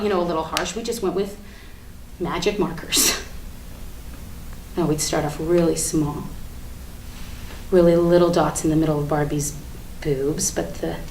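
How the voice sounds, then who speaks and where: With a natural, mid-range voice, a woman performs a theatrical monologue at a live staged reading. She plays a defiant everywoman who rants, sardonic and emphatic, and gleefully admits to having killed Barbie, alternating between hushed confiding and outrage. The room is echoey with some background noise.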